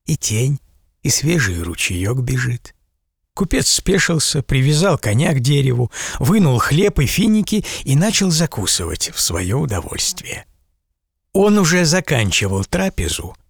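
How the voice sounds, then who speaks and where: A man narrates a fairy tale with a lively, rising and falling pitch and a gravelly edge to his voice. The recording is dry and close, with no room sound. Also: no room sound. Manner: expressive, animated reading. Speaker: storyteller.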